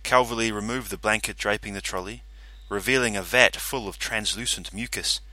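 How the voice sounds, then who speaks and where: Low-voiced man reading a story. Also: no echo. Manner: steady, measured storytelling. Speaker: audiobook narrator. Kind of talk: scripted narration.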